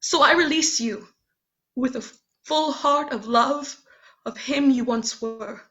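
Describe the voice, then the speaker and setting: In a radio play, an actress voices Belle, a young woman who is also a ghostly guide. She speaks in a high voice, calm and measured with a gentle note of reproach, and her mood is sorrowful.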